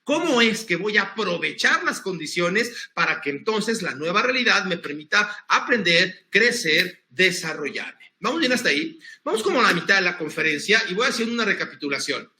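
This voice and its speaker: Energetic male speaker coaching an audience, high and tense, roomy echo. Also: normal speed, few pauses. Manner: energetic, coaching the audience through breathing exercises. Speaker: motivational speaker. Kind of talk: conference talk on emotions.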